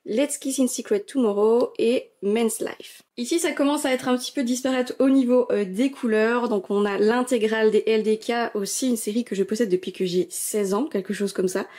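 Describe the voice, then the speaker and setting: A young adult woman from France, chatty and enthusiastic as she narrates a casual shelf-tour vlog, filling pauses with little hesitations. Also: fairly high pitch, warm tone. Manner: chatty and enthusiastic, gushing, many euh fillers. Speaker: manga collection vlogger.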